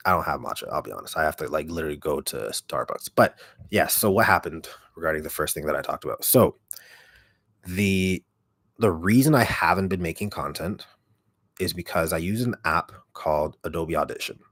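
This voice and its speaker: Man, extremely low voice, raspy, relaxed casual livestream chat, close dry mic. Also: a little fast, dry recording. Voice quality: deep and raspy. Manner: relaxed, rambling, heavy use of "like". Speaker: ASMR content creator on a livestream. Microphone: microphone held very close.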